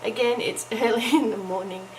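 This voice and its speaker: A middle-aged woman's slightly high, darkish-toned voice, croaky from just waking up, moves at a moderate pace as she crafts at home early in the morning. As a crafting vlogger she's chatty and self-deprecating, with frequent ums and small laughs. Her camera's built-in mic captures a noisy home recording.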